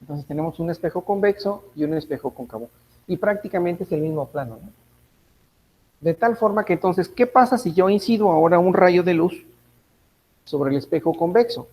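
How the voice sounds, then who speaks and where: A man's voice: sits high, animated, normal speed, darkish tone, poor audio. A man teaching a physics class, thinking aloud, correcting himself and checking in with his students. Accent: Mexican Spanish. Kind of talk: online class lecture.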